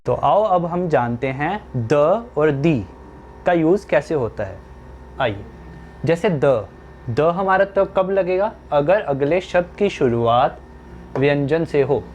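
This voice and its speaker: A young man with a fairly high voice teaches a grammar lesson at a very slow, deliberate pace. He asks a question and then answers it himself, the way a teacher walks a class through a point. A faint hiss sits under the recording. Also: animated, a little mellow.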